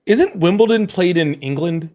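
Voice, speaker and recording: A man with a slightly high voice hosts a live political call-in. He talks in a casual, conversational way and challenges points by picking at exact wording. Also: lively intonation, normal speed, darkish tone. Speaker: host of a call-in stream.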